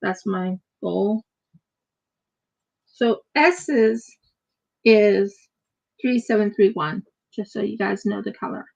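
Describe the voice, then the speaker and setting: Speaking slowly with frequent pauses, this American woman has a medium-pitched, gravelly and slightly mellow voice on a muffled recording. As a craft streamer from the United States, she chats and rambles while crafting live, with lots of repetition.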